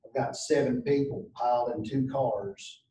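A man on a video call talking in a measured, deliberate way. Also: medium pitch, fairly even intonation, mellow, recorded from a distance, a little hiss or hum. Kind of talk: board meeting discussion. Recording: roomy video call from off mic.

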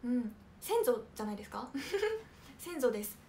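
A young woman from Kanagawa chats on a livestream, answering viewer comments in a polite, soft-spoken way with plenty of little fillers. Her voice sits high and light, and a faint hiss of background noise runs underneath. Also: very animated, moderate pace. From Kanagawa, Japan. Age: young adult. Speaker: idol trainee hosting a livestream. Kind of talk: casual livestream chat reading comments.

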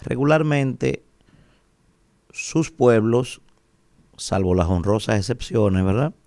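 Radio commentator, male, 40s, Dominican accent, gravelly and rhetorical, close dry studio mic. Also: medium pitch, expressive, takes it slowly, a little mellow, no room sound. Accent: Dominican Spanish. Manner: emphatic, rhetorical, keeps asking "¿verdad?". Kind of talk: opinion commentary. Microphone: studio mic on a boom arm.

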